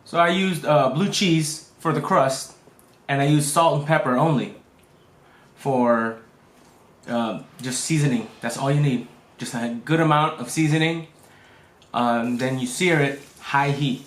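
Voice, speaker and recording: A man who is a chef, casually explaining cooking steps in a halting, step-by-step way. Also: medium pitch. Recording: echoey room.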